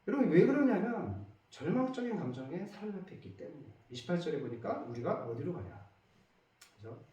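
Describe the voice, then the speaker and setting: A man's voice: a little high, very animated, brisk, mellow, lo-fi sound. A male pastor delivering an emphatic sermon full of rhetorical questions, heard from a distance in an echoey church.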